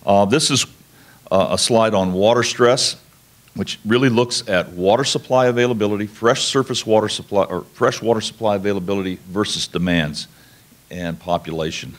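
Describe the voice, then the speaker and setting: A man's voice: lowish voice, normal speed. A man from New Mexico, giving a conference presentation in an informal, folksy, explanatory way. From New Mexico, United States. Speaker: conference speaker, national laboratory researcher.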